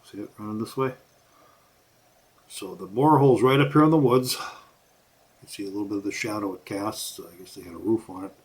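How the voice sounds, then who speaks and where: A man's voice: on the low side, fairly quick, long pauses, slightly rough. A man vlogging while he hikes through the woods exploring old mine sites, thinking aloud and guessing at what he finds. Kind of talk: vlog narration while hiking. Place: outdoors in the woods on a mountainside. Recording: loud outdoor background noise.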